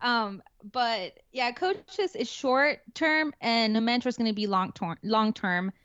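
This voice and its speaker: The guest in this interview is a young adult woman with a Spanish accent who serves as a security forces NCO. Her voice sits on the high side, a little slow, fairly bright, clear and resonant, and her casual speech has many fillers and restarts. The recording carries no echo and sounds dull, dry and lo-fi.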